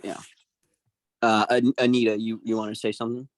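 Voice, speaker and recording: A man's voice: lowish voice, level tone, fairly quick, no echo, poor audio. A man moderating a community meeting, talking casually with many fillers and a friendly, hesitant manner.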